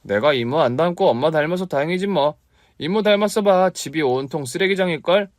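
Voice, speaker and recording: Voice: mid-range voice, fairly quick, no room sound, voice pushed up, close to an everyday voice. A woman puts on a fussy little boy from a read-aloud story, nagging in a lifted, matter-of-fact voice. The recording is close and dry, with no room sound. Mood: teasing. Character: young boy, tidy and naggy.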